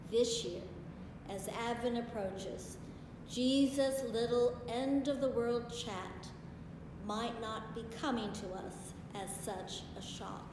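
A woman in her sixties, a pastor, delivers a sermon in a slow, deliberate cadence with long solemn pauses. Her voice sits fairly high and rings through a large stone church, picked up from a distance with a long, roomy reverb and steady background hiss. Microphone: far camera. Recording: echoey church from far off, hiss.

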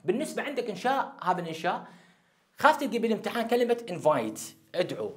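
A man's voice: high-pitched, big pitch swings, rapid-fire, a bit bright. A man with an Iraqi Arabic accent, teaching an exam-prep lecture who talks straight to his students and repeats the key steps. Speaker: English teacher.

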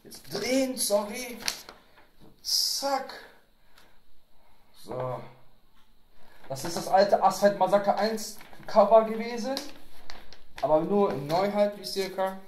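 A man's voice: high-pitched, animated, slow pace, pauses often, a little mellow, slight background noise. A man casually chatting through an unboxing video at home, rambling and joking with his viewers. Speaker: unboxing vlogger. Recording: echoey room.

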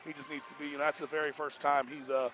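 Against a noisy background, an American basketball coach speaks rapid-fire and flat in a voice on the high side. Interviewed courtside after the game in an indoor arena via headset, he's casual and emphatic, repeating himself in colloquial speech.

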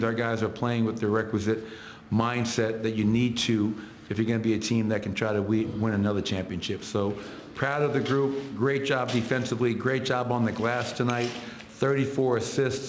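Speaking into table mics in an arena press room, a middle-aged head coach answers the press after the game, listing statistics in brief, clipped bursts. His voice sits on the low side, and the room echoes with a little hiss or hum.

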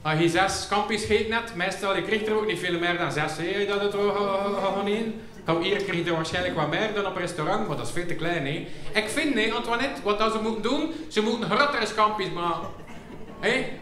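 A man's voice: high voice, normal speed, bright, forceful tone. A Flemish man doing comedy for care home residents, chatty and teasing, throwing questions at the audience. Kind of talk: live comedy and game show banter with the audience. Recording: echoey hall with audience murmur.

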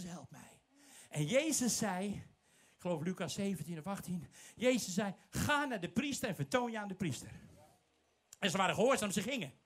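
High-voiced, fiery male preacher. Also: a bit bright. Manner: fervent, dramatic storytelling, mixing in English phrases. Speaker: evangelist preacher. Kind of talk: sermon.

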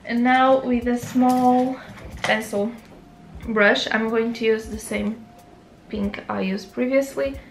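In a small bedroom, a young Portuguese-accented beauty vlogger talks slowly through a makeup tutorial, her higher voice fairly even in intonation. The camera is close, soft music plays underneath, and she keeps drifting into asides and correcting herself.

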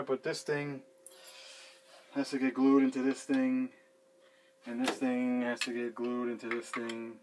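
A slight hiss or hum runs under this man's mid-range voice. He's a handyman in his thirties repairing a sink in a small basement room, talking casually to a fixed camera a few feet away, rambling and cursing freely as he narrates a how-to video.

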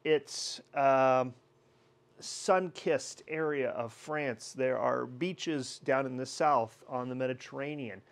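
Man explaining wine in a relaxed way. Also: mid-range voice, creaky. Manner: relaxed, chatty, with pauses and fillers. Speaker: wine educator host. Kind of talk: explanatory wine tasting lesson.

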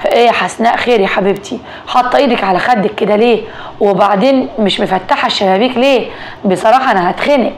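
A woman voicing a calm, practical Egyptian husband in a told story, speaking steadily in a slightly lowered voice. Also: fast, slight background noise, lightly acted. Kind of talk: storytelling dialogue.

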